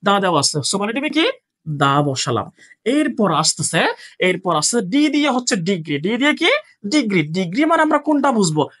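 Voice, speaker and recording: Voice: medium pitch, sing-song, normal speed, a bit bright, husky. A teacher from Bangladesh, giving an exam-prep grammar lesson and constantly asking questions that he then answers himself.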